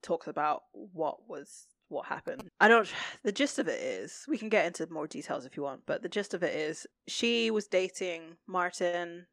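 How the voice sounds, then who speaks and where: A woman's voice: fairly low pitch, expressive, normal speed, few pauses, fairly bright tone, no echo. A woman co-hosting a podcast, chatting casually about a TV episode, laughing often and using many fillers. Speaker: podcast co-host. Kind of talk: casual chat recapping a TV episode.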